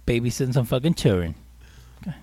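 A man's voice: medium pitch, very animated, fast talker, warm tone, breathy edge. Teasing young man, bouncy voice. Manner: teasing, interrupting. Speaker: podcast co-host. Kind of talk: casual banter.

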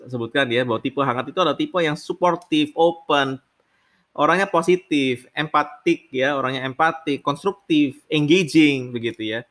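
A man lectures on leadership in a somewhat high, bright, sharp voice. He keeps adding tag words, poses rhetorical questions, and mixes in English terms.

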